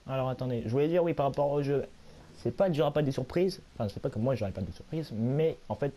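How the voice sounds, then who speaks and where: A hoarse young man, a little sick, giving rambling, self-mocking commentary while he plays a video game at home. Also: medium pitch, quick pace, dark tone. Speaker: gaming YouTuber. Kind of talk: casual let's-play commentary.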